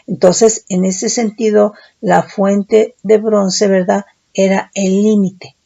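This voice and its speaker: Slow, gravelly woman teaching a sermon. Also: medium pitch, flat delivery, warm tone, muffled recording. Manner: deliberate, checks in with listeners often. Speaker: Bible teacher.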